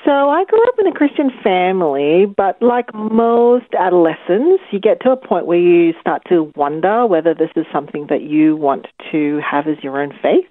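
A woman's voice: on the low side, lively intonation, normal speed, hardly any pauses, no room sound. A woman in her forties from Malaysia, a psychologist talking over the phone about her life in a thoughtful way, with some fillers. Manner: thoughtful, with fillers and small laughs. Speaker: guest, clinical psychologist. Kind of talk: phone interview, personal story. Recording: tinny phone line.

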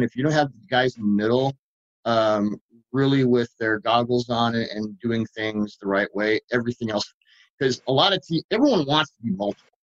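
A man co-hosting a football podcast, rambling eagerly through plays and laughing as he goes. He talks at a medium pitch. His audio sounds dull and lo-fi. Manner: excitable, rambling, quick to laugh. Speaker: podcast co-host, football writer. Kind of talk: casual podcast chat.

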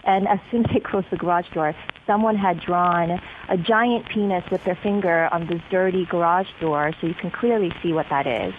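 A woman real estate agent calling in to a radio show over a landline phone, chatting upbeat and pitching a listing. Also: moderate pace, hardly any pauses. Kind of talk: casual radio phone-in chat. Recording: tinny phone line with clear line noise.

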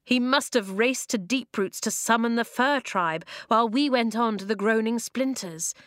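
A woman's voice: a little high, normal speed, fairly bright tone, dry recording, clean studio sound, voice pushed up, natural voice. A woman voicing an earnest, loyal young boy in a storybook reading, speaking eagerly.

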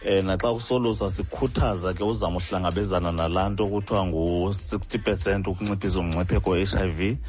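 A man's voice: low-pitched, steady tone, fast, hardly any pauses, darkish tone. Xhosa accent guy, guest doctor explaining stuff on radio, bit of music underneath.

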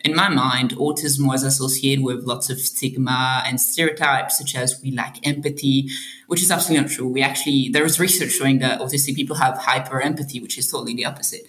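A young Belgian doctoral candidate tells her own story in a personal testimony interview, earnest and reflective, with some hesitant restarts. Her voice is a rumbling low, fairly even in intonation and fairly bright in tone, and she speaks quickly in a roomy-sounding space.

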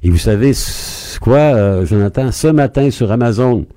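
A man with a Quebec French accent, a historian guest telling history in a lively, expressive way on a radio interview. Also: normal speed. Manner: lively, expressive storyteller with wide pitch swings.

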